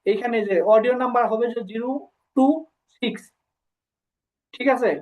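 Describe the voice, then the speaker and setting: A woman's voice: fairly high pitch, fairly even intonation, normal speed, a little mellow, rough recording. A woman teaching a language class online, explaining step by step and repeating syllables for her students to copy.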